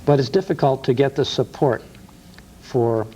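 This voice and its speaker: A middle-aged man with a warm, medium-pitched voice talks at normal speed, with slight hiss or hum on the recording. He is a radio host and museum co-founder appearing as an interview guest, chatting casually and telling stories with enthusiasm and plenty of "uh" fillers.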